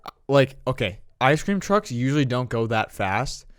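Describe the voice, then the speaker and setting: A man's voice: mid-range voice, big pitch swings, normal speed, a bit bright, no room sound. Blunt young man, clean dry sound. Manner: contrary, blunt, questioning. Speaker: podcast co-host. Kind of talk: casual podcast banter.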